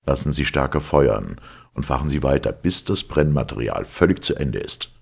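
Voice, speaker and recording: A man voicing a calm, phlegmatic English gentleman who speaks in an unruffled way. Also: rumbling low, normal speed, gravelly, husky, heavily acted. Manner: unruffled, even-tempered.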